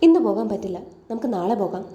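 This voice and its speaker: A woman voicing a gentle, apologetic middle-aged father who talks in a quiet way in an echoey room. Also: medium pitch, sing-song, fast talker, natural voice. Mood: subdued.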